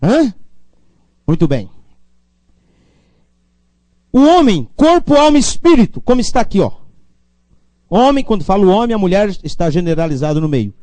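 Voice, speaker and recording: High-pitched, lively Brazilian preacher man. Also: normal speed, pauses often, no room sound. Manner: preaching with call-and-response amens, swinging from low to loud. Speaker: pastor. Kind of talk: sermon.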